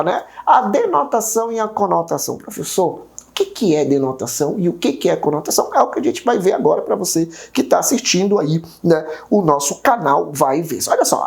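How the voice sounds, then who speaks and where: A man's voice: sits high, creaky, a little mellow. A man with a Brazilian Portuguese accent teaching an exam-prep video lesson, explaining step by step and tagging sentences with questions. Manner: explanatory, constant tag questions.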